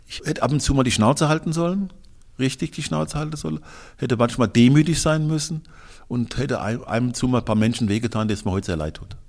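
A man's voice: medium pitch, fast, darkish tone. A man in his sixties, a guest in a casual interview, talking in a blunt, colloquial and emphatic way with some crude slang. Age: 60s.

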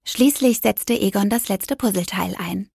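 A woman narrating a children's story with gentle, lively storytelling. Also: mid-range voice, unhurried, creaky, husky, no room sound, studio quality.

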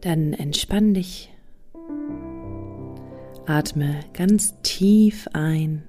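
A woman leading a guided meditation softly and soothingly, close to the listener's ear with breathy phrases and long pauses. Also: deep voice. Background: soft music.

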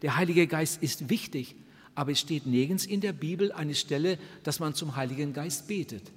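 A man's voice: on the high side, normal speed. An older man preaching a sermon to new converts, speaking earnestly and voicing the prayers he quotes. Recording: reverberant hall, somewhat husky sound.

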